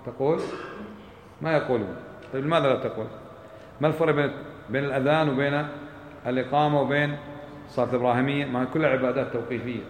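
A man teaches a class on prayer, firing off questions to his listeners and answering them himself. He talks quickly, with a steady mid-range voice. The room echoes around him, with a faint hum behind. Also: medium pitch. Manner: explains by asking and answering his own questions. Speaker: religious teacher. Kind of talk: classroom lesson on prayer rulings.

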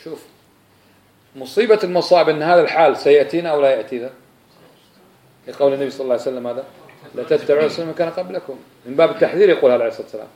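A man preaching a sermon, rising to loud insistent emphasis and then dropping low. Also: very fast, long pauses, reverberant.

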